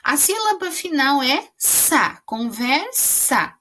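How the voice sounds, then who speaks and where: A woman teacher explains spelling rules to children in a patient, clear way. Her voice sits a little high, and she slows down to spell out the example words. She keeps checking that the class is following along. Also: animated, a bit bright, a little hiss or hum. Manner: patient, explaining, checks understanding with tag questions.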